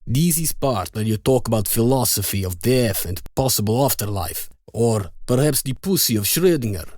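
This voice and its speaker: A man's voice: medium pitch, lively intonation, moderate pace, a little mellow, no echo, studio quality. A man in a sitcom playing a menacing mobster who speaks clipped, broken English. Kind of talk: sitcom acting.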